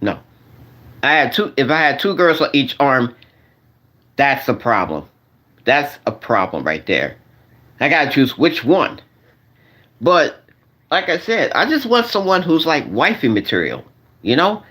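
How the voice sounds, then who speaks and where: Man, forties, vlogger; loose slangy monologue, repeats himself, lively pitch. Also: unhurried, pauses often. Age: 40s. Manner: repetitive, restarts and repeats phrases; slangy, addresses viewers as y'all. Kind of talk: rambling casual monologue to viewers.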